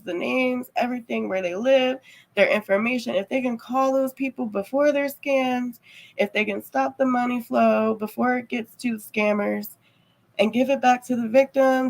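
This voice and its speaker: Creaky-voiced woman chatting casually. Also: fairly high pitch, rough recording. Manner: rambling, heavy on fillers like "like" and "man". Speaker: livestreamer chatting with viewers. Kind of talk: casual chat.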